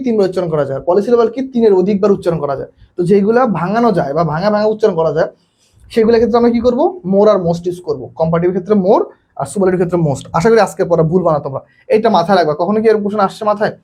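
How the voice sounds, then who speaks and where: A man's voice: sits high, warm tone. A young Bangladeshi man teaching a live online English class, quizzing his students and repeating his questions.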